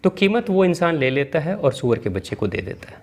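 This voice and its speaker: A man, a spiritual teacher, telling a spiritual story in an animated, vivid way. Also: fairly high pitch, a little fast.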